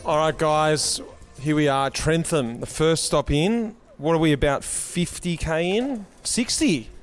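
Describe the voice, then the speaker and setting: Man, vlog host, chatty, fairly high voice, outdoors. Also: measured pace, faint music behind. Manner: chatty, friendly questioning. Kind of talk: casual vlog interviews. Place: outdoors on a bike ride.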